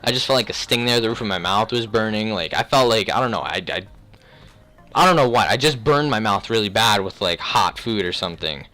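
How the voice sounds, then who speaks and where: A young man telling a personal story in a casual, rambling, slangy way, often clearing his throat. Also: on the low side, expressive, a little fast, sharp tone, soft background music. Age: young adult. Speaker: video creator.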